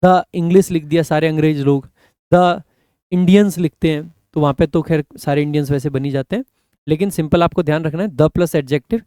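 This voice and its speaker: A man's voice: fairly high pitch, moderate pace, warm tone, clean tone, dry recording. Male grammar teacher. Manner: explains in Hindi mixed with English examples, addresses viewers as brother. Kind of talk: exam-prep classroom lesson. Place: indoor recording studio with air conditioning.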